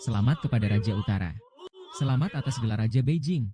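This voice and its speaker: A man's voice: medium pitch, animated, quick pace, over music. A man reading every part of a dubbed short drama as voice-over, with little change from one character to the next.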